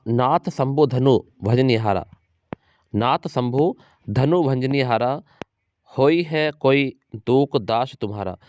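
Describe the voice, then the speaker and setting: A man coaching students for an exam, with a mellow, dark voice. He drills each point with rhetorical questions and slows down to recite verse lines. The recording is dry and a bit dull, with no room echo. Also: medium pitch. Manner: repeats key points, quizzes students rhetorically. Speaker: teacher.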